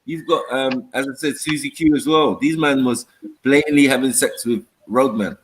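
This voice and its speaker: A man's voice: medium pitch, normal speed, a little hiss or hum, low-quality recording. London roadman man chatting in street slang. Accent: London, urban multicultural street. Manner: roadman slang, repeats phrases. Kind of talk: casual chat on a live show.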